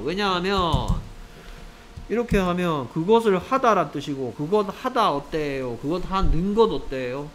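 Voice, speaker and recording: Slow, higher-voiced male teacher. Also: a little hiss or hum, rough recording. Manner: keeps checking understanding with quick questions; repeats each phrase in English then Korean. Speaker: English teacher. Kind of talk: classroom grammar lecture.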